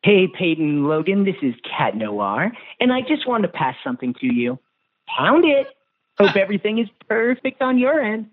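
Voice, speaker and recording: A cocky young male cat superhero, put on by a man for a quick greeting. He is playful and full of puns, his voice leaping up into high notes. It comes through a thin, tinny phone line. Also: big pitch swings. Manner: playful, punning.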